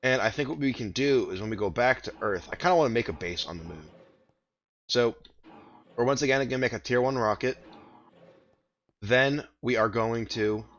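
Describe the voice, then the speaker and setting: A man's voice: medium pitch, fairly bright tone, lo-fi sound. A man casually commenting on his own gameplay, thinking aloud and rambling, with a groggy morning voice. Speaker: gaming video host. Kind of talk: casual let's-play commentary.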